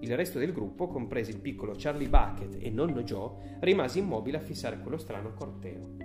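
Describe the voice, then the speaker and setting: A woman narrating a children's story aloud in an expressive audiobook reading. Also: very deep voice, brisk, music in the background.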